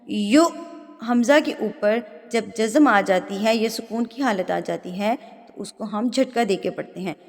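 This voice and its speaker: A woman teaching Quran recitation, who explains pronunciation rules patiently step by step and then recites the verses slowly, drawing out each word. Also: mid-range voice. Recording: long hall reverb.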